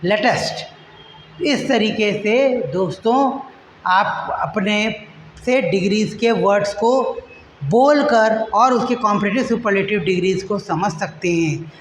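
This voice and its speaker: A male English teacher giving a grammar lesson, who spells and repeats words slowly syllable by syllable and addresses listeners as friends. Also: high voice. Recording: echoey room with long reverb, faint noise.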